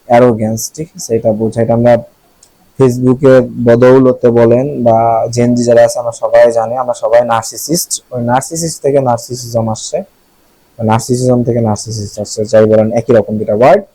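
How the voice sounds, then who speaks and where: A man's voice: medium pitch, level tone, moderate pace, warm tone, slightly rough, no echo, low-quality recording. A man from Bangladesh teaching vocabulary in a casual lesson, thinking aloud, checking pronunciations and joking with the viewers.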